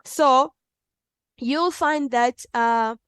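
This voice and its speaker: Female panelist, Tanzanian accent, high pitch, very unhurried and halting delivery. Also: a bit bright, clean tone, dry recording. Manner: halting, with frequent pauses. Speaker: conference panelist. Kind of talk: unscripted panel answer.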